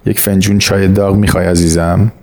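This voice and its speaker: A man's voice: low voice, level tone, darkish tone. A man reading the lines of a worried mother confronting her grown son, in an audiobook reading. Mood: pleading.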